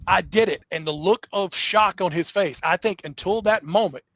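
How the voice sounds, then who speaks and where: A man's voice: sits high, moderate pace, fairly bright tone, dry recording, lo-fi sound. A middle-aged man, a wrestling promoter, talking earnestly in a casual interview, often restarting his sentences. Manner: earnest, rambling with many restarts.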